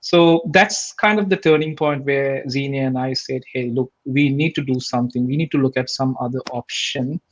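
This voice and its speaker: A man's voice: mid-range voice, normal speed, few pauses. Earnest Sri Lankan-born man, dull call audio. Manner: steady and earnest, with many ums and restarts. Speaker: guest. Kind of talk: casual online interview.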